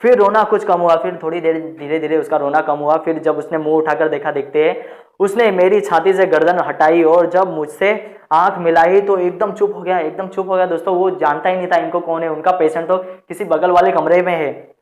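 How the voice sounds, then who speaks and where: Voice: mid-range voice, steady tone, a little fast, a little mellow. A teacher reading a textbook story aloud, repeating each sentence and explaining it in simpler words while talking to the listeners as friends. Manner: rereads each sentence, then restates it in plainer words; addresses listeners as friends, with frequent "let's move on" prompts.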